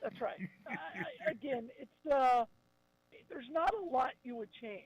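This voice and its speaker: A man's voice: extremely high pitch, sing-song, unhurried, soft background music. A man talking sports on a buzzy, glitchy phone call that breaks up, stammering and repeating words as he starts. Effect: buzzy, glitchy phone call audio that breaks up. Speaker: sports radio co-host on a call. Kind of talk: casual sports talk. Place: outdoors or in a car in pouring rain. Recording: dull phone line.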